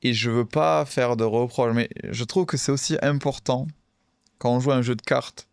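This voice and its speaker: Smooth-voiced man chatting casually. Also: medium pitch, fairly even intonation, normal speed, dry recording, clean studio sound. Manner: hesitant, many fillers and restarts. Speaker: podcast co-host, card game player. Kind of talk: casual podcast chat.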